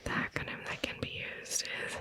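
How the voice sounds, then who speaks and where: A woman hosting an ASMR video in a close whisper, right in your ear on a binaural mic, lingering over and repeating words. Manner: slow, lingering repetition of words. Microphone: close binaural microphone.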